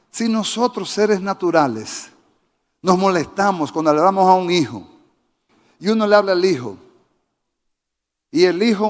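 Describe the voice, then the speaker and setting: Male preacher, fairly high-pitched, fervent, quizzes the congregation; long church-hall reverb. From Dominican Republic. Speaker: pastor. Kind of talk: sermon. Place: church sanctuary.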